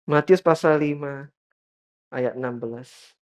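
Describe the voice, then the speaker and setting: Lively man preaching a sermon. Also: unhurried. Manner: lively, rising to high emphatic peaks, addressing the congregation often. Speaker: pastor.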